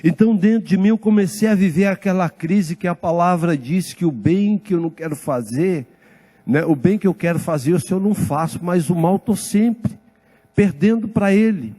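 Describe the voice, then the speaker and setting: Brazilian pastor, high-pitched man, lively sermon testimony that acts out every exchange. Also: moderate pace, long reverb tail. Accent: Brazilian Portuguese. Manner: lively storytelling, acting out dialogue.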